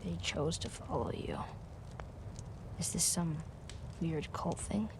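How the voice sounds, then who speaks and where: A woman's voice: on the low side, slow pace, gravelly, noisy background. A blunt, sarcastic, wary teen girl. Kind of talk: TV drama acting.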